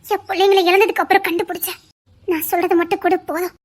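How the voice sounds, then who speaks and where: A woman's voice: very high voice, level tone, fast talker. A woman voicing a grieving mother who lost her twin babies, speaking in an earnest, insistent and soothing way in an amateur audio drama.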